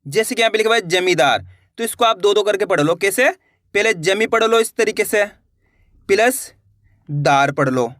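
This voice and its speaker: A man with a high, bright voice leads a beginner reading lesson. He sounds out each syllable patiently and draws the joined words out long, asking the listener again and again how to read them. The sound is close and dry, with no room around it. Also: expressive, dry recording. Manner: slow, drawn-out syllable-by-syllable reading; repetitive teacherly coaxing. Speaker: Hindi reading teacher.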